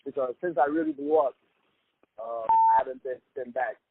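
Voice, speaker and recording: Over a tinny phone line, a young comedian from Ghana talks through a relaxed interview as a guest, easygoing, cheerful and full of fillers. He has a husky, medium-pitched voice at normal speed, with no room sound.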